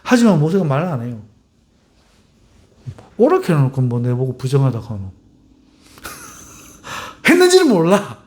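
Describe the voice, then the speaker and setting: A man preaches in a notably high voice. He talks to the congregation like a conversation, tossing them rhetorical questions. He chuckles now and then at his own remarks. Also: wildly swooping pitch, unhurried, pauses often, a little mellow. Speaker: pastor. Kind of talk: Sunday afternoon sermon.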